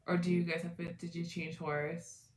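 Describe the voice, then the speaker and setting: A woman's voice: on the low side, flat delivery, moderate pace, echoey room. A woman in her twenties hosting a casual livestream, chatty and rambling, greeting viewers by name. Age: 20s. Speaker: livestream host. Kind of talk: casual live chat with viewers.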